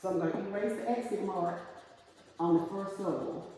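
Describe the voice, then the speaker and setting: A woman's voice: mid-range voice, fairly quick, mellow, slight background noise. A woman teaching a one-on-one phonics lesson, patiently asking questions and repeating her student's answers. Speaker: reading teacher. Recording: echoey room, long reverb.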